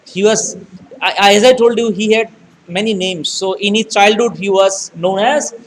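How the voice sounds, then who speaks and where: High-voiced man explaining a story lesson. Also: fairly even intonation, moderate pace, slight background noise, poor audio. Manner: explains word meanings, mixing in Hindi; reads story lines aloud then paraphrases. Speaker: English teacher. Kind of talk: classroom text explanation.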